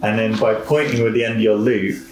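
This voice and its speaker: A man narrating a tabletop game as game master, casually and haltingly, among friends. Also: lowish voice, level tone, faint music behind. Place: indoor room, in-person group session. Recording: echoey room, clear background noise.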